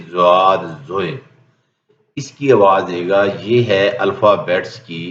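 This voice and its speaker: A man's voice: lowish voice, a bit bright, a little hiss or hum. A man, a native Urdu speaker, explaining an English lesson plainly and methodically, one step after another. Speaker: English teacher. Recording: echoey room, dull lo-fi sound.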